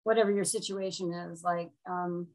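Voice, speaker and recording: A woman's voice: lowish voice, fairly even intonation, moderate pace, darkish tone, low-quality recording. An older woman from Florida, a student in a witchcraft class, chatting casually and rambling a little on a video call from a room at home. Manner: chatty, self-deprecating, rambling. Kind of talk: casual chat.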